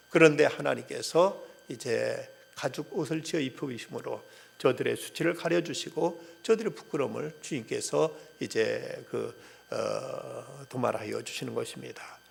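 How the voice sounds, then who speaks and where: A man, a pastor, preaching a sermon in an earnest, emphatic way, with many fillers and pauses. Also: medium pitch, vocal fry, husky.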